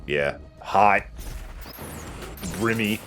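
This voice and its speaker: A man with a lowish, slightly bright voice stretches out his words as he hosts a let's play. He jokes and rambles casually while playing, with video game music behind him.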